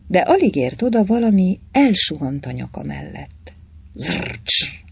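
Husky, animated man narrating a novel. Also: on the high side. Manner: dramatic, animated. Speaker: audiobook narrator. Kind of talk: expressive novel reading.

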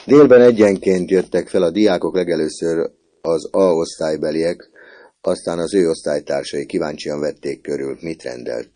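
A man with a very deep, dark voice narrates a novel as an audiobook. His delivery is measured and even, unhurried. The tone is mellow and low throughout. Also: no room sound. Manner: measured storytelling.

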